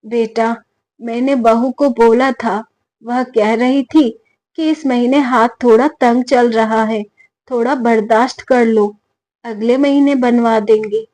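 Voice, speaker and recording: A gentle, humble older mother-in-law, as a woman narrator voices her, speaking softly and slowly. The voice sits fairly high and the sound is dry and close. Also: dry recording, rough recording. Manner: soft, subdued pleading.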